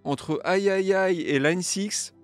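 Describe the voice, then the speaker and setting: Hosting a music gear news show, this young man talks casually and reads viewer comments with jokes, even singing them playfully in a lively manner. His voice sits high and his pace is slow.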